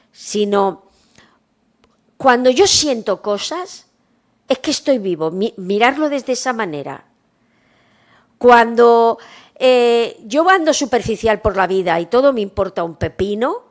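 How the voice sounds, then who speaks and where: A middle-aged woman from Spain, a nurse giving a mindfulness workshop lecture in a calm, unhurried way, often asking the class questions. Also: fairly high pitch.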